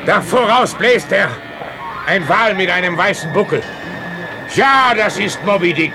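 An actor playing an obsessed, commanding whaling captain in an audio play, imperiously barking orders. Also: male voice, high voice, expressive, unhurried, over music. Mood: feverishly excited. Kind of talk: dramatised audio play acting.

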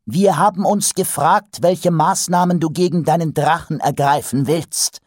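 A man voicing a brusque, clipped male city ruler, in a raised, high voice. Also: animated, moderate pace, husky, no room sound. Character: Lord Vetinari, brusque middle-aged male city ruler.

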